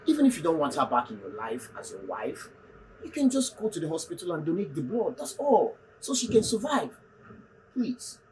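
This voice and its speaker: An actor playing a concerned male friend in a film drama, imploring in an emphatic, halting way. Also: medium pitch, wildly swooping pitch, slight background noise, poor audio. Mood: earnest pleading. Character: concerned, earnest male friend pleading for forgiveness.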